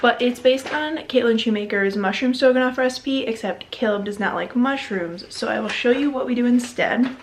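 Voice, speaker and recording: A vlogger in her twenties chats casually to the camera indoors at home, bubbly and rambling. Her voice is on the high side, at a moderate pace, with slight background noise.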